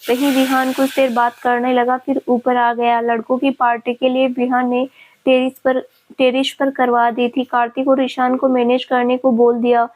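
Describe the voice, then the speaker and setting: A woman storyteller reads a family story aloud in an even, steady way. Her voice sits fairly high and stays level, with little rise and fall. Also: poor audio. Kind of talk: storybook narration.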